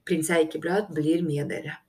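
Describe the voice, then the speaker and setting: A polite young male squirrel in a storybook, earnest and calm as he relays orders, read by a woman narrator. The voice stays somewhat low and even. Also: close to an everyday voice.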